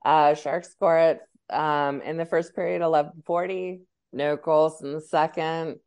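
A woman co-hosting a casual sports podcast, giving a relaxed recap of a game. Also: deep voice, measured pace, smooth.

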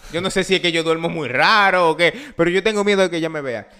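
A man with a Dominican accent and a somewhat high voice co-hosts a casual podcast. He tells stories in slangy speech, repeating himself and breaking off to restart his phrases. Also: fast, bright, forceful tone, clear, resonant tone. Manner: slangy, repetitive, self-interrupting. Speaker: podcast co-host. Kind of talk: casual chat, animated anecdote telling.

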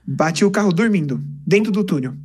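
A young man, casually telling lively stories on a podcast. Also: high-pitched, fairly quick. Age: 20s. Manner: animated, chatty, peppers speech with "cara". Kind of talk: casual storytelling chat.

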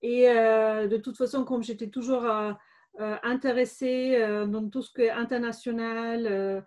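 A woman's voice: a little high, fairly even intonation, a little slow, a little mellow. A woman in her forties with a German accent, a guest speaking hesitantly with many fillers in an interview. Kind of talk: interview testimony.

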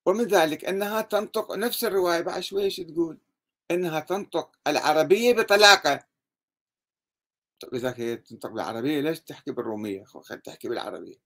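A man with an Iraqi Arabic accent lectures in a critical tone. His voice sits a little high. He is sarcastic and keeps throwing out quick rhetorical questions. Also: a bit bright. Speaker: religious critic.

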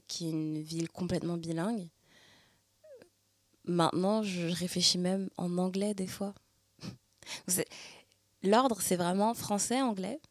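A woman from the Paris region of France muses slowly in a lowish, gravelly voice, with no room sound in the recording. She shares personal testimony in a reflective monologue, sounding thoughtful and searching and using many fillers.

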